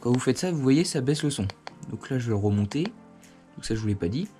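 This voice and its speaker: With faint music behind him, a man with a warm, mid-range voice talks briskly and animatedly as he demonstrates a product hands-on at home. As host of a motorcycle gear review channel, he keeps his explanations casual and conversational indoors.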